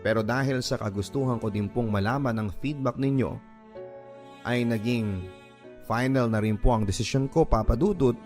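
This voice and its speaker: A Filipino-accented man hosts a radio story program, reading listener letters aloud as dramatic first-person narration. His mid-range voice has a darkish tone and moves at a moderate pace, with background music playing beneath him.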